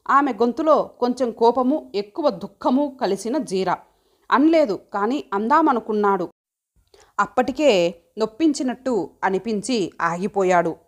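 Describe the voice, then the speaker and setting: A woman reading a magazine short story aloud as an audiobook narrator, in a calm, measured storytelling voice. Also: on the high side.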